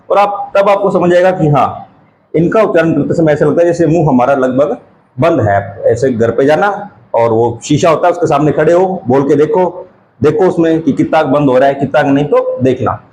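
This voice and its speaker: A male teacher gives an exam-prep grammar lesson, asking questions and answering them himself while repeating key terms slowly. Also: a little high, a little mellow, a little hiss or hum, rough recording.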